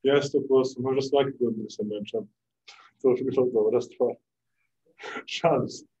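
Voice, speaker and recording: A young male basketball player answering postgame press questions calmly, searching for words, in a press room. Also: normal speed, breathy edge, muffled recording. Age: young adult. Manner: calm, low-key, searching for words. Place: press room before a sponsor backdrop.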